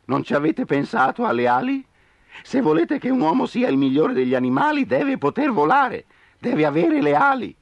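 A man voicing a cranky, scornful owl in a storybook tale, shouting and exasperated. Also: sits high, big pitch swings, normal speed, gravelly, no echo, lo-fi sound, voice pushed up, full character voice.

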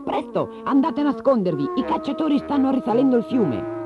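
A man voicing a small bird that gives a hurried warning in a high voice. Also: very animated, exaggerated voice. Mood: alarmed. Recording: slightly dull recording with music behind.

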